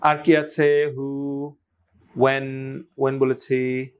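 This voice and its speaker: A man teaching English pronunciation, repeating each word slowly and asking listeners to say it aloud. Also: mid-range voice, little pitch movement, clean tone. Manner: slow, repeats words for drill, asks viewers to say them aloud. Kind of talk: spoken language lesson.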